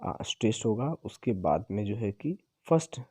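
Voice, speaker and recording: A man teaching an exam-prep lesson, explaining slowly and repeating himself as he corrects his own slips. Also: fairly low pitch, sing-song, dark tone, husky, no room sound, clean studio sound. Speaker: English teacher.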